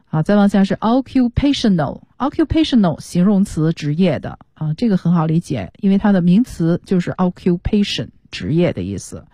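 A woman's voice: on the low side, sing-song, normal speed, hardly any pauses, dark tone, no room sound. A woman teaching an English lesson on the radio, explaining words patiently and mixing English terms into her talk.

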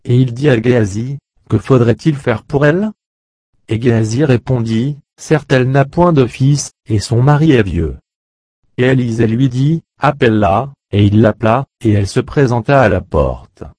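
A man reading an old French Bible translation aloud as steady scripted narration. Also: mid-range voice, moderate pace, dry recording, clean studio sound. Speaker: Bible reader.

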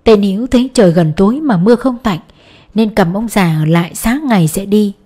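A woman narrating a novel audiobook in a steady storytelling voice. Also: medium pitch, fairly quick, slightly rough. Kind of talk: scripted narration.

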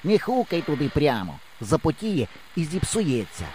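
A man reading an audiobook voices a gruff, awkward village boy with a husky voice and blunt, fussy questions. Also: on the high side, big pitch swings, moderate pace, a little mellow, slight background noise. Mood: earnest. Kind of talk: audiobook character voice.

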